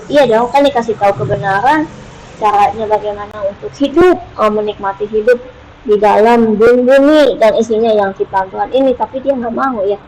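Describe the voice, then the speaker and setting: A woman teaching an online Bible study in a casual, unhurried way, pausing often with hesitations and acting out prayers with lively emphasis. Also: on the high side, slight background noise, poor audio.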